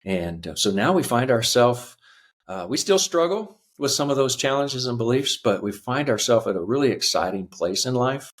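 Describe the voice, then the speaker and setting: A man in his fifties, a podcast guest telling his life story earnestly, halting with fillers. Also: mid-range voice, very animated. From United States. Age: 50s. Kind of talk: reflective personal storytelling.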